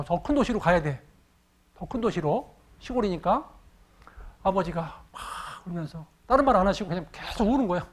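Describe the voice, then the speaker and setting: A pastor telling a sermon story in an animated way, often asking the congregation questions. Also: male voice, high voice.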